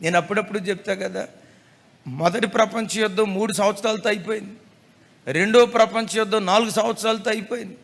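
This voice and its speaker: Pastor guy preaching loud and repetitive, high gravelly voice, big echoey hall. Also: fairly even intonation, brisk. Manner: emphatic, repeats key phrases, folksy humor. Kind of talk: sermon.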